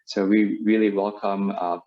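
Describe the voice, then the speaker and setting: A business school professor in his forties, born in Vietnam and raised in the United States, gives a webinar talk over a video call, using many fillers and restarts. His voice is fairly low, with little pitch movement and a measured pace. The video call microphone yields dull, lo-fi audio.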